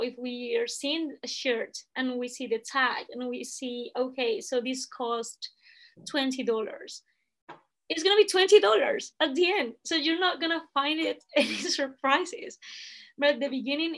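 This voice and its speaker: A young Spanish woman with a Spanish accent and a high, slightly bright voice chats casually on a laptop webcam video call from a room at home. She's a visiting language assistant, and she speaks hesitantly, filling her talk with lots of fillers.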